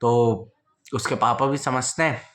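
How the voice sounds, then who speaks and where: A man's voice: medium pitch, steady tone, unhurried. A young man telling a casual storytime vlog story, speaking bluntly and slangily and talking straight to his viewers. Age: young adult.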